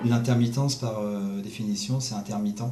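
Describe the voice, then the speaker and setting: A man's voice: on the low side, steady tone, brisk, over loud music. A man talking casually and a bit sarcastically, politely complaining, secretly recorded on a hidden mic. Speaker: benefit claimant questioning an inspector. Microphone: hidden mic in a room. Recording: roomy hidden-mic recording with background noise.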